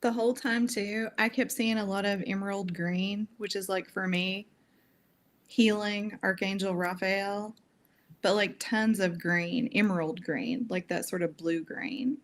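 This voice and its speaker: A woman's voice: medium pitch, measured pace. A woman co-hosting a live stream over a video call, telling things in an easygoing, rambling way. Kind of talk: casual live-stream chat. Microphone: online video call.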